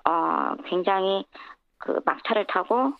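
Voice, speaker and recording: An anonymous woman speaks in a radio interview over a narrow, tinny phone connection. Her voice is electronically disguised and has a gravelly creak, with very little room sound. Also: lowish voice, fairly quick, dry recording. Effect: voice disguised by processing for anonymity.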